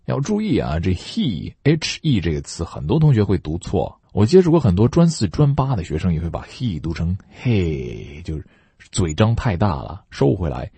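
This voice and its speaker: A man's voice: sits low, very animated, normal speed, mellow, slightly rough, no echo. A man teaching English pronunciation, explaining patiently and stretching out demonstration words for students to repeat. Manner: patient, chatty explaining between drills. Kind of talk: phonetics lesson with repeat-after-me drills.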